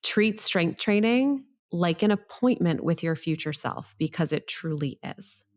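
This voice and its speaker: Middle-aged woman, low-pitched voice, upbeat advice vlogger, tidy and organized, encouraging, direct to listener. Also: animated, a little slow, darkish tone. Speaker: podcast host giving health advice.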